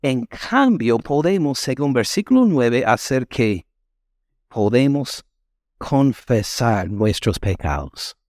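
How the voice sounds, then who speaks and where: A man's voice: medium pitch, very animated, slow pace, a little mellow, no echo, clean studio sound. A man preaching a sermon as a pastor, speaking emphatically and asking the congregation rhetorical questions. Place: church.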